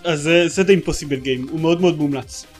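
Rambling, enthusiastic podcast co-host, slightly high voice. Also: male voice, faint music behind. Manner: enthusiastic, rambling with many fillers. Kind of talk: casual gaming podcast chat.

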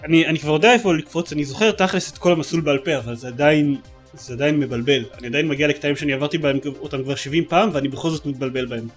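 A man's voice: a little high, soft background music. A man co-hosting a casual gaming podcast, talking eagerly and rambling with many fillers. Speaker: podcast co-host.

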